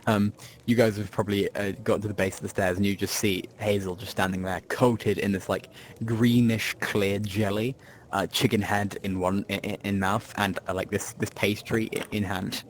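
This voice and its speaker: A man's voice: on the low side, level tone, moderate pace, a little hiss or hum. A man narrating a tabletop game as game master, rambling with many ums and restarts.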